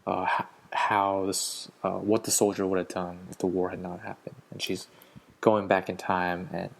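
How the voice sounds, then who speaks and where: A man's voice: sits low, little pitch movement, normal speed, gravelly. A man giving a spoken poetry analysis as a student, hesitant with fillers and restarts.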